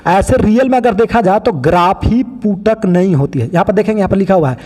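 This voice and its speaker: A man's voice: sits high, fairly quick, a little mellow, in a large hall. A man teaching biology, pointing out other teachers' mistakes in a critical, explaining way. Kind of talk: online lesson commentary.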